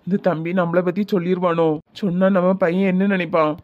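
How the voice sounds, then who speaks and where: A man voicing a remorseful older father in a cartoon, speaking pained asides slowly in a Tirunelveli Tamil accent. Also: high-pitched, level tone, phone-quality sound, natural voice. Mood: anguished. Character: remorseful older father, secretly watching his son. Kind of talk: cartoon voice acting.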